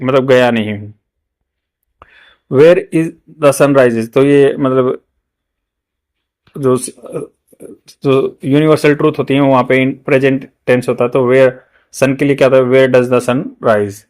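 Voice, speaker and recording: A man with an Indian accent teaching English grammar for exam prep, repeating words slowly to drill pronunciation. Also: medium pitch.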